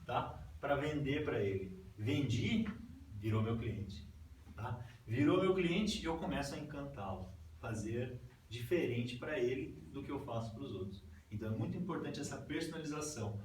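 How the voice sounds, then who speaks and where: A Brazilian man with a medium-pitched, somewhat dark voice walks a group through an informal slide talk step by step, often checking in with "tá?". His accent is Brazilian Portuguese, and the recording is noisy, made with a distant mic in an echoey room.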